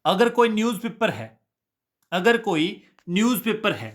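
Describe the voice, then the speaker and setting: Slow, high-voiced male teacher. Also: sing-song. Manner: drills students with repeated questions and answers. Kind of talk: exam-prep grammar lesson.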